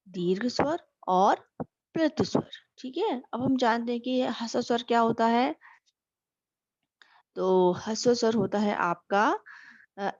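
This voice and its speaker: A woman teaching a grammar lesson for exam preparation. She explains slowly and keeps asking "okay?" as she goes. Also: mid-range voice, a little mellow, dry recording, lo-fi sound.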